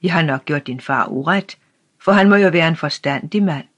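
An audiobook reader voicing an irascible, suspicious old male magistrate who shouts in a trembling voice. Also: mid-range voice, natural voice. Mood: astonished. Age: older. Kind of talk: audiobook character reading.

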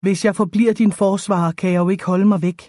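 A woman voicing a brooding young male warrior bodyguard in a storybook reading, speaking in a low, restrained, guarded way. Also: steady tone, mellow, no room sound, studio quality, close to an everyday voice.

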